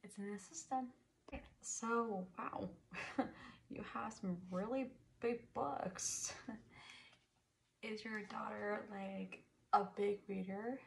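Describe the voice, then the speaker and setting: A young woman in a soft-spoken, ASMR role-play as a librarian, murmuring to herself in a small bedroom. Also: mid-range voice, steady tone, extremely slow, creaky. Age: young adult. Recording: noisy, with clicking and tapping.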